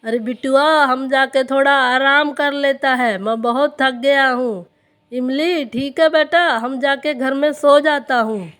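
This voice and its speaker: A woman's voice: high-pitched, fairly even intonation, slow pace, a bit bright. A woman voicing a tired, patient village farmer father with rustic speech in a doll play story.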